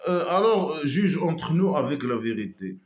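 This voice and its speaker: A man talks through a casual critical monologue in a slightly raised voice. He sounds scornful and mocking and keeps hesitating with trailing asides. The recording is roomy with a clear echo. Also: fairly high pitch, sing-song, unhurried. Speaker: online commentator.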